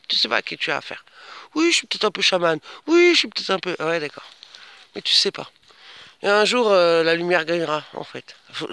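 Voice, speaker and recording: A man's voice: creaky, sharp tone, no echo. A man giving a casual, rambling walk-and-talk vlog outdoors on his rural land, defiant and chatty with his viewers. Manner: coos at pets in a much higher voice.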